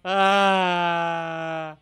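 A man's voice: high-pitched, level tone, very slow, pushed and bright, smooth. A very drunk man streaming a game, chatting casually in a slurred, emotional, whiny and weepy way. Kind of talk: casual livestream chat over gameplay. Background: game audio and music.

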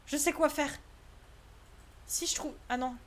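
Streaming a horror game live, this woman talks in an unhurried, high-pitched, slightly bright voice. Anxious and jumpy, she keeps cursing and crying out during play.

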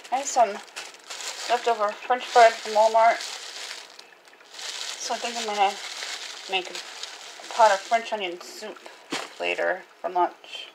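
A woman's voice: mid-range voice, steady tone, unhurried, pauses often. A middle-aged woman casually narrating her morning kitchen chores in a homey, chatty way, filmed on a phone propped in a small home kitchen. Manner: chatty, homey, talks while working. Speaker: homemaker vlogger. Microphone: phone camera propped on the counter. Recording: loud kitchen noise, phone mic. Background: running water and clattering dishes.

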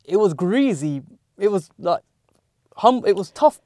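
A man hosting a podcast interview, asking questions in a relaxed, slangy way with lots of "bro". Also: high-pitched, unhurried, no room sound. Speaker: podcast host, DJ. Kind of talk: casual interview chat. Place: small recording studio, seated on a sofa.

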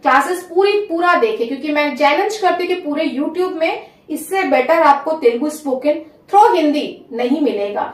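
A woman teaching a spoken language lesson, saying each phrase slowly and repeating it so learners can take notes. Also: high-pitched, animated. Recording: echoey room, a bit far from the mic.

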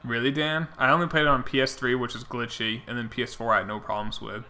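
A young man talks fast in a steady, sharp medium-pitched voice while casually chatting through a baseball video game stream. He answers viewers even as his voice gets worn out and fades.

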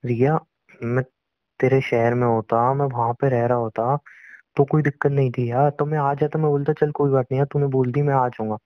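A man's voice: medium pitch, steady tone, a little fast, no room sound, natural voice. A young man playing a frustrated boyfriend who tries to reason with his girlfriend on a phone call in a scripted drama. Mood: exasperated. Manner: exasperated, pleading, reasoning. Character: frustrated young boyfriend, defensive but trying to stay calm. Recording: dull, dry lo-fi recording.

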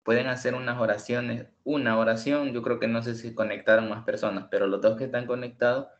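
A man teaching an online English lesson, explaining slowly in English and repeating the points in Spanish over a video call. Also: medium pitch, level tone, lo-fi sound.

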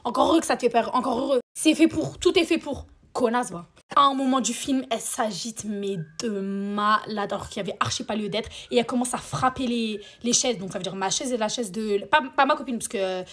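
A woman rattling through a storytime for her viewers, with a fairly high, slightly husky voice. She talks fast, swears freely and breaks off into exasperated rants, keeping the delivery animated and crude. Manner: exasperated ranting asides. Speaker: storytime vlogger. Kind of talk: storytime chat to camera.

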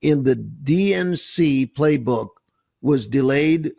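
A man's voice: mid-range voice, lively intonation, slow, vocal fry, darkish tone. A man hosting a political talk show, speaking emphatically and sarcastically with open disbelief. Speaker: show host, preacher. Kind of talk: casual political commentary.

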